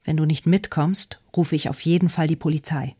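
A woman's voice: low-pitched, steady tone, a little fast, a little mellow, husky. A woman reads the part of a frightened young woman urging her sister to leave, in an urgent, pleading voice. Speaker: audiobook character.

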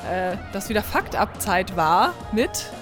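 A woman's voice: mid-range voice, sing-song, measured pace, over music. A woman co-hosting a science podcast in casual, playful banter, her voice scratchy from a slight cold. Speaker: podcast co-host.

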